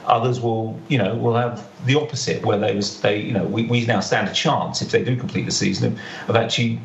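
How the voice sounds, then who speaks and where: A man's voice: fairly low pitch, fairly even intonation, brisk, vocal fry. A man giving opinions in a casual football discussion, arguing his case by restating points. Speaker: podcast panellist. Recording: roomy, muffled, faint background noise.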